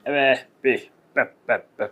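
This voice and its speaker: A man's voice: takes it slowly, narrow, tinny audio, a little hiss or hum, close to an everyday voice. An actor playing a mute man who makes inarticulate syllables and grunts in a comedy drama. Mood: insistent.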